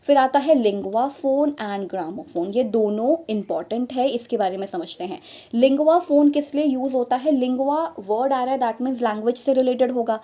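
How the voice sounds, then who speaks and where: A young woman tutors for teaching exams in a spoken lesson, walking through each step, often restating her points and dropping in English phrases. Her voice is slightly high, warm, and unhurried.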